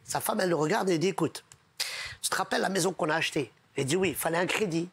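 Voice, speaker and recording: A man's voice: high-pitched, quick pace, creaky, breathy edge. A man telling jokes on a comedy show, switching between voices for each character. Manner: animated joke teller, puts on characters' voices.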